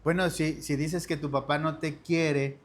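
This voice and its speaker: A man's voice: a little high, flat delivery, measured pace. A man teaching a church discipleship lesson in an earnest sermon style, often addressing his listeners as brothers and sisters.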